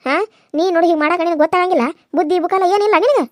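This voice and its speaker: Cartoon mother-in-law, North Karnataka accent, very high pitch, fast scolding, dry close sound. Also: no room sound. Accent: North Karnataka Kannada. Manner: sharp, scolding, rapid. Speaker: voice actor. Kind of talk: cartoon serial voice acting.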